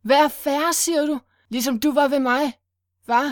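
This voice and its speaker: A furious man back from the dead, roaring orders and spitting bitterness, as a woman narrator acts him out. His voice rises high and loud when he shouts. The recording is close and dry. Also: fairly even intonation, dry recording, close to an everyday voice. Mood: bitter. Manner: barking, roaring commands.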